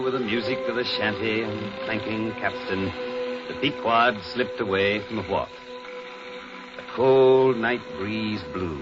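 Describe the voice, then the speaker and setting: An actor playing an earnest young sailor who narrates his whaling voyage in literary, dramatised audio drama style. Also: mid-range voice. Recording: dull lo-fi radio drama, loud music.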